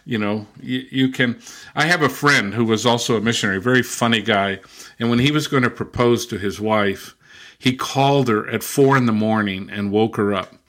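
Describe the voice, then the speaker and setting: An older man speaks as an interview guest, telling stories in a reflective, anecdotal way. He tends to slip into a loud, lecturing professor's voice. His pitch sits in a typical middle range for a man. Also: normal speed. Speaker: guest, professor and former missionary. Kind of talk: conversational interview storytelling.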